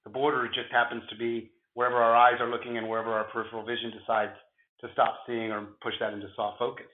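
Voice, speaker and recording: A man with a gravelly voice, hoarse from flu, explaining things conversationally as an interview guest in measured phrases. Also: medium pitch, little pitch movement, roomy sound, phone-quality sound. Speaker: interview guest, futurist at a film studio.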